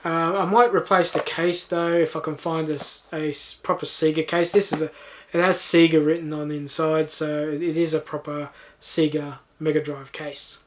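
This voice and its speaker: Speaking casually to viewers, the host of a game collecting channel keeps things understated and unscripted. He's on the higher side, flat in delivery, at a moderate pace, with a little hiss or hum.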